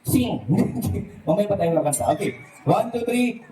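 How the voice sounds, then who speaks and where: A man's voice: high voice, animated, unhurried, warm tone. A man performing a playful puppet show at a birthday party, teasing and quizzing with lots of laughter. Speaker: puppeteer host. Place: indoor room at a birthday party. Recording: echoey room from far off.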